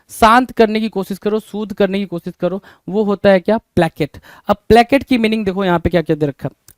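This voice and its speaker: High-voiced Indian man teaching vocabulary. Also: clear, resonant tone, dry recording. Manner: keeps asking the class rhetorical questions, calls them "bhai". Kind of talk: exam-prep vocabulary lesson.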